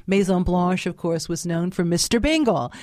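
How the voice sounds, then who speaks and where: A woman's voice: fairly low pitch, normal speed, darkish tone, no room sound, clean studio sound. A woman, a guest chatting casually in an interview with many fillers and restarts. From New Orleans. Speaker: guest author.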